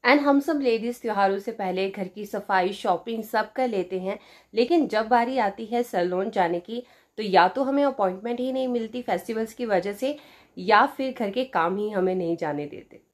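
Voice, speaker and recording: A woman in her thirties with an Indian English accent talks straight into a camera in a small indoor room. She switches freely between Hindi and English, filling pauses with "you know", in a relaxed, chatty review tone. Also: medium pitch. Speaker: beauty vlogger. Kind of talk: product review vlog.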